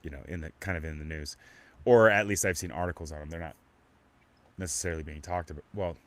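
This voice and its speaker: A man's voice: deep voice, quick pace, dry recording. A man hosting a casual live podcast, talking in a rambling, stop-start way with lots of restarts and fillers. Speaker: podcast host. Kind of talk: casual live-stream chat.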